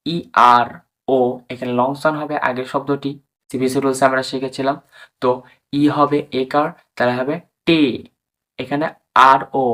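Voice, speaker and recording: A male teacher takes viewers through English pronunciation one letter at a time. He repeats the sounds slowly and often turns to his audience as friends, urging them to follow along. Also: mid-range voice, a bit bright. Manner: slow and repetitive, drawing out each sound; addresses viewers as friends and urges them to understand. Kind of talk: spoken lesson, spelling words out letter by letter.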